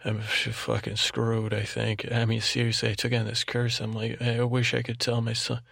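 A man hosting a podcast in a rambling comic monologue, halting, stammering and interrupting himself. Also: medium pitch, completely flat delivery, vocal fry, a bit bright, dry recording, clean studio sound. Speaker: podcast host.

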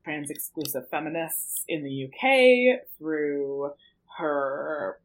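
A woman with a somewhat low voice talks on a casual podcast. She is emphatic and thoughtful, with a wry edge to her remarks. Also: slow, poor audio.

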